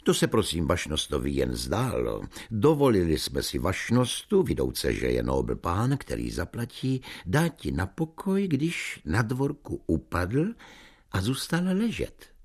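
Reading aloud in a deep, husky, exaggerated voice with wildly swooping pitch, a man plays a cheeky, red-faced hotel waiter bantering with a hungover guest. The waiter is deferential yet impudent, calling the guest "vašnosto."

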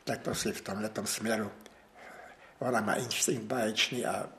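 A man's voice: on the low side, steady tone, sharp tone, a little hiss or hum. A man in his nineties speaking as a guest in a radio interview, reflective and a little hesitant. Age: 90s.

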